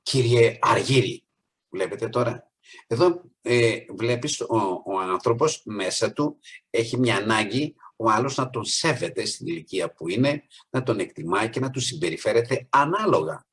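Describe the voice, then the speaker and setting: A man's voice: medium pitch, lively intonation, fairly bright tone, husky. A man preaching a sermon, earnest, rising on key points and acting out the people in his stories.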